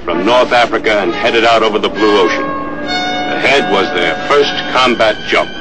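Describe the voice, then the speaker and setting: A man's voice: on the low side, normal speed. A man doing formal, declaiming narration in an old 1940s newsreel. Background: loud music score.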